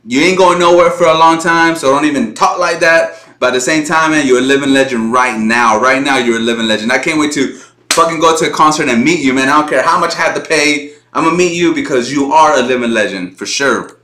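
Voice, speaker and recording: A man hosting a music reaction video, talking casually and excitedly, swearing freely and laughing often. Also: fairly high pitch, a little fast, echoey room.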